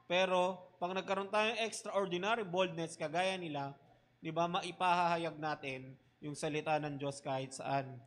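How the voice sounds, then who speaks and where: A Filipino man, a pastor, preaching a sermon in mixed Tagalog and English, often tagging lines with "di ba?" and swinging between loud emphatic bursts and quiet low asides. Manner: Taglish preaching, keeps asking "di ba?".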